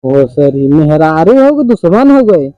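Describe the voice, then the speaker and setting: A man's voice: fairly high pitch, big pitch swings, unhurried, warm tone, no room sound, dull audio. A man with an Awadhi accent playing a henpecked villager in a rustic comedy sketch, pleading and wailing theatrically.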